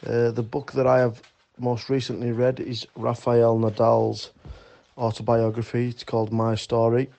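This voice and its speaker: A man's voice: medium pitch, monotone, normal speed, creaky, mellow. A man who plays amateur rugby league, introducing himself and his reading in a matter-of-fact way. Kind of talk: introducing himself for school radio.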